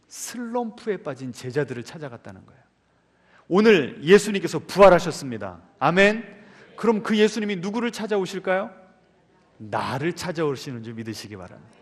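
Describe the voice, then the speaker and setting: Lively preaching man in a reverberant church. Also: a little high, slightly rough. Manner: lively, keeps asking the congregation questions. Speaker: pastor. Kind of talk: Sunday sermon. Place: church sanctuary. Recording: long reverb of a church hall.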